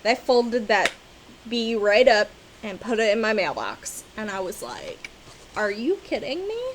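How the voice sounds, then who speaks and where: A woman vlogging about cross-stitch, chatting casually to camera and gushing with excitement, now and then breaking into loud exclamations. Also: medium pitch, measured pace, slight background noise, low-quality recording. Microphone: on-camera mic, seated at desk with ring light.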